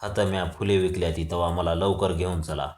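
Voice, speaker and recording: A man reading the lines of an adult village strongman under arrest, who shouts at first and then pleads. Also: deep voice, steady tone, moderate pace, echoey room, close to an everyday voice. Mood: pleading.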